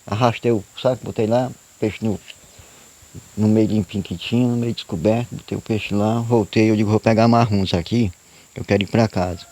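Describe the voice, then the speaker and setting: Here a male guest storyteller with a lowish, dark voice and fairly even intonation spins a true tale at moderate speed. His casual narration wanders and repeats, folksy in tone, often peppered with "né?" and "eu digo."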